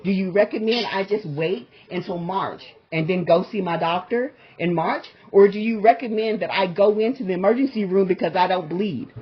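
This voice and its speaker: On a muffled, lo-fi phone call, a woman speaks as a patient calling a medical provider, insistently demanding answers and repeating her questions confrontationally. Her voice is husky and medium-pitched, at normal speed with hardly any pauses.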